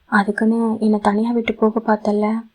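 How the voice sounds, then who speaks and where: A loving young husband from a romantic audio story, gentle and coaxing with his wife, as a woman reads him. The voice sits fairly high and stays even, with little rise and fall. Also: moderate pace, lightly acted, low-quality recording. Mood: earnest.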